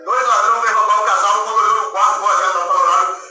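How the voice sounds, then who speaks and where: A man preaching a sermon with a Brazilian Portuguese accent, shouting at the peaks and calling out to the congregation. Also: high voice, fairly even intonation, rapid-fire, faint music behind. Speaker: pastor. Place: large church hall. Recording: echoey church from far off.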